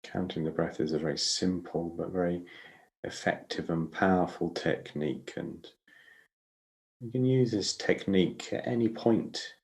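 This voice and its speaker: Low-voiced man guiding slow breath counting meditation. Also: a little mellow. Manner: slow, measured, instructional delivery with pauses. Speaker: meditation teacher.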